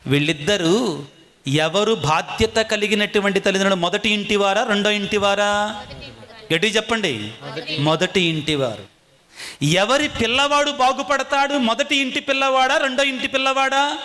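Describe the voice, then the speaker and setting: A man's voice: sits high, moderate pace, bright, forceful tone. A man preaching a sermon in a call-and-response style, asking his listeners questions and answering them himself.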